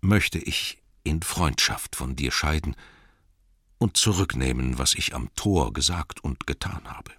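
A man's voice: rumbling low, expressive, unhurried, a bit bright, husky, no echo, studio quality, heavily acted. Thorin, a man doing a dying dwarf king. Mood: solemn. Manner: solemn, formal farewell tone. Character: dying male dwarf king, proud and solemn.

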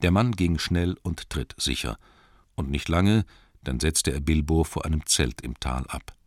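A man reading a storybook aloud in calm, measured narration. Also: rumbling low, dry recording, clean studio sound. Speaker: audiobook narrator. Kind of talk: scripted narration.

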